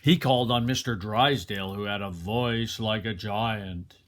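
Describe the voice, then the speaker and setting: A man reading a children's story aloud in an expressive narrating style. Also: on the low side, a little slow, a little hiss or hum. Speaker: storybook reader.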